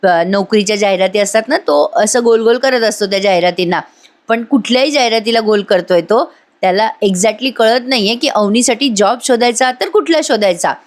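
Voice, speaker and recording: A woman's voice: medium pitch, moderate pace. A woman giving a casual voice-over recap of a TV serial, chatty with conversational asides. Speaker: TV serial reviewer.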